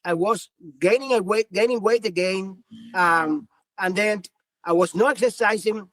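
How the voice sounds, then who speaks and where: High-voiced man with a Cuban Spanish accent. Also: fairly bright tone, dry recording. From Cuba. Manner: earnest, halting with many restarts. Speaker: physician guest. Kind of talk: podcast interview.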